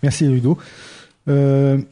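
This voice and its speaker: Radio host guy, super dark mellow voice, quick little "oui, voilà" interjections. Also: medium pitch, level tone. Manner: brief agreeing interjections. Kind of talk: hosting a radio talk show.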